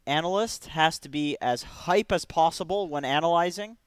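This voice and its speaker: A man's voice: fairly high pitch, moderate pace, clear, resonant tone, no echo. A man casting esports with teasing, mock-regal banter and a ready laugh. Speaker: esports caster.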